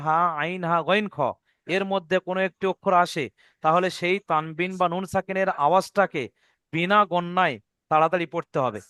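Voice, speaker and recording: A man's voice: high-pitched, pushed and bright, clean tone, dry recording, studio quality. A man teaching Quran recitation rules in an online lesson, patiently repeating each rule and checking that his students follow.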